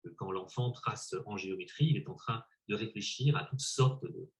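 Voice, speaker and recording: A man's voice: on the low side, normal speed, creaky. Man posing a long, careful question. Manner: detailed, thoughtful questioning. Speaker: interviewer. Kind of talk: conference question.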